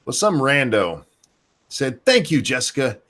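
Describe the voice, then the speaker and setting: A man's voice: medium pitch, big pitch swings, measured pace, a bit bright. A man hosting a live stream in casual chat, reading out viewer comments with blunt, sardonic swearing.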